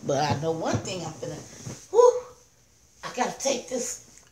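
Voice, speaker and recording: A woman's voice: deep voice, lively intonation, moderate pace, darkish tone, a little hiss or hum. An older woman chatting casually on a live stream at home through her tablet's built-in mic, rambling, greeting viewers and laughing at herself. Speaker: livestreamer.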